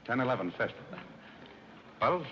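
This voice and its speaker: A man's voice: mid-range voice, big pitch swings, unhurried. An actor playing a sardonic, proud homeless American man with dry, articulate wit in a 1930s screwball film. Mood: wry, polite. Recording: muffled, noisy 1930s film soundtrack.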